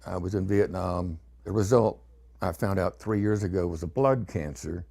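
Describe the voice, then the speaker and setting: Low-voiced man in his seventies reminiscing. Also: moderate pace, vocal fry, warm tone, no echo. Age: 70s. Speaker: retired TV horror host, interviewee. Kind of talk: reminiscing in an interview.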